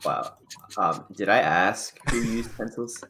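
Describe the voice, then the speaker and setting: A young man with a fairly low voice teases his friends on a casual podcast with a sarcastic edge. Faint keyboard typing can be heard in the background. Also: slow, pushed and bright, slight background noise. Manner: teasing, sarcastic. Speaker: podcast co-host. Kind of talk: casual chat among friends.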